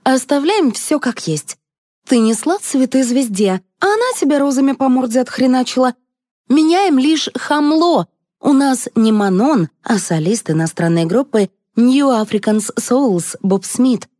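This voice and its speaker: A woman's voice: high voice, animated, unhurried, dry recording, studio quality, voice pushed up. Woman playing a brash bossy TV producer. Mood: commanding. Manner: barking orders, brash and loud. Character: bossy young female TV producer, brash and commanding.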